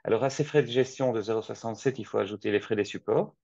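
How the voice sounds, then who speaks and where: Low gravelly man on a video call. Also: a little mellow, dry recording. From Belgium. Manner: measured, hesitant with frequent restarts. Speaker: guest, company co-founder. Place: office, seated at a desk. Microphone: webcam on a video call. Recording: dull lo-fi video call audio.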